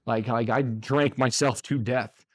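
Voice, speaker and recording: A man's voice: medium pitch, fairly even intonation, unhurried, no room sound. Rambling man in his forties, dry sound. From United States. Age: 40s. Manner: loose and rambling, full of fillers, choked up at times. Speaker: guest. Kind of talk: casual interview talk.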